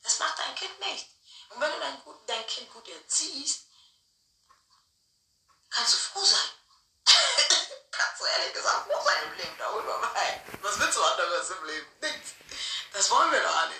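A woman telling a personal story in a casual, animated storytime chat. She laughs often and keeps asking her listeners for agreement. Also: on the high side. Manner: chatty, animated, laughs often, tag questions. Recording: roomy sound from a distant mic.

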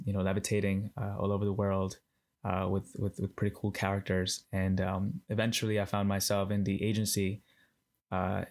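A man from Ecuador in his thirties, a podcast guest chatting casually, full of fillers and restarts. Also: fairly low pitch. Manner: hesitant, many fillers and restarts. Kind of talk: casual interview chat.

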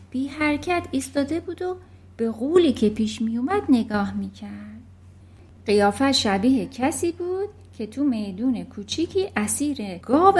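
A woman narrating a children's novel in an expressive storybook reading. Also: on the high side.

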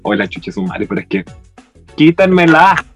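A man's voice: a little high, big pitch swings, normal speed, husky, faint music behind. A man with a Chilean accent in casual chat, teasing and mock-dramatic in a camp way. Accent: Chilean Spanish.

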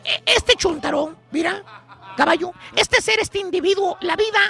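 A Mexican man hosting a comedy radio segment in a very high, gravelly voice. He spins his story in an animated drawl and keeps tossing asides to his partner. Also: moderate pace. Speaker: radio show host.

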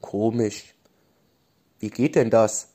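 Reader voicing a down-to-earth zookeeper in a storybook, mellow, plain. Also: male voice, lowish voice, fairly even intonation, slow. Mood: surprised. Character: adult male zookeeper, matter-of-fact.

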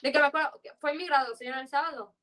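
A woman's voice: sits high, fairly even intonation, quick pace, fairly bright tone. A young woman in her twenties with a marked Yucatán accent, chatting loosely as a podcast guest, rambling with slang and fillers. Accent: Yucatán Mexican Spanish. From Yucatán, Mexico. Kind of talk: casual chat.

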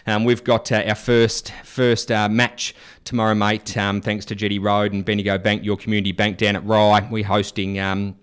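Aussie bloke co-hosting radio, low smooth voice, matey and casual. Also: male voice, level tone, normal speed, few pauses. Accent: Australian. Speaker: radio co-host.

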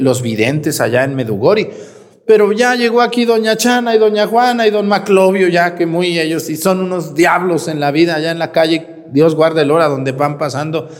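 A priest preaching a Sunday sermon, scolding and teasing his congregation, acting out sarcastic quotes. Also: on the high side. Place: church. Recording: long church reverb.

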